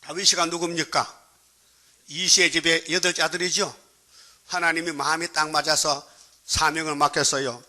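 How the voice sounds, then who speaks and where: A man's voice: fairly high pitch, flat delivery, normal speed, long pauses, bright, forceful tone. A male pastor with a Gyeongsang Korean accent preaches a sermon in a colloquial, joking way, constantly prodding the congregation with questions.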